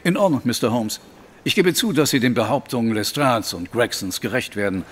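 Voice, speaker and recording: A man's voice: mid-range voice, expressive, a little fast, breathy edge, long reverb tail. An actor playing a sceptical police inspector in an audio drama, blunt and formal in his way of talking. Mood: sceptical, grudging.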